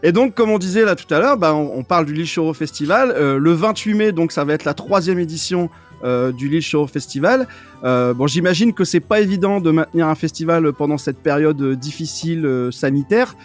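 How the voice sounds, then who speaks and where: A male radio host talking in a casual, familiar way and joking with his guest. His voice sits a little high for a man. Faint music runs in the background. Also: lively intonation, a little fast. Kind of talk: radio interview.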